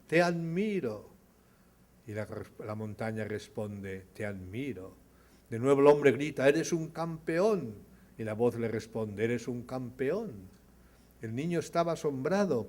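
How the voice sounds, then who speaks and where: An older man tells stories from a podium, recounting them in a measured voice. When the characters speak, he raises his voice and his volume to act out their lines. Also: mid-range voice. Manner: dramatizes dialogue with rising, louder voice. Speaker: speaker at an award ceremony. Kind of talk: storytelling speech.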